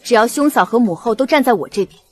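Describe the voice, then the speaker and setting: A proud young princess speaks with cool authority in a period drama. Her voice sits fairly high with a husky grain. The delivery is regal and controlled. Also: expressive, fast, darkish tone. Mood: composed. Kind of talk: Chinese period short-drama acting.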